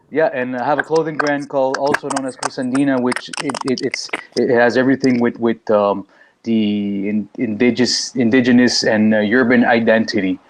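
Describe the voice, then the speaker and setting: A man from Canada, a musician and author on a panel, speaking haltingly with many restarts and fillers. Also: mid-range voice. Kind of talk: panel discussion.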